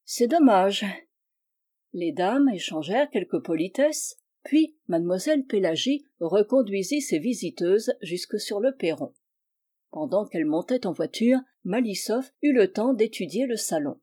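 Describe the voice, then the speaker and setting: A woman reading a classic novel aloud as an audiobook narrator, measured and expressive. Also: mid-range voice, husky. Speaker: audiobook reader.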